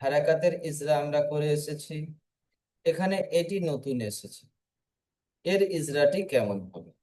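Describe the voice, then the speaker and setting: A man's voice: a little high, animated, measured pace, dark tone, rough recording. A man teaching an online Quran reading class, patiently spelling letters aloud and having students repeat after him.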